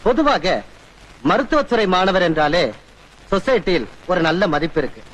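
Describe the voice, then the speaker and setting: Formal college lecturer, slightly high voice, measured and formal, film dialogue. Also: male voice, very animated, a bit bright, poor audio. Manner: formal, addressing a class.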